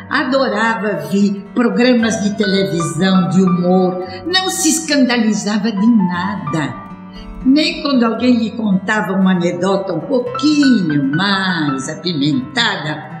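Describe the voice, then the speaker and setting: A woman interviewed for a documentary who fondly reminisces about a friend in an unhurried way. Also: medium pitch. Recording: echoey reverb with music behind.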